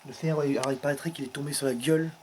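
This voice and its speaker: A man rattles off jokes at a quick clip while poking around an abandoned garage. His talk rambles and keeps breaking off mid-thought. The camera mic carries a clear layer of background noise. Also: a little high, fairly even intonation, a little mellow. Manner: rambling, clowning, self-interrupting. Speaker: co-host of a parody urban-exploring show. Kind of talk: jokey improvised commentary.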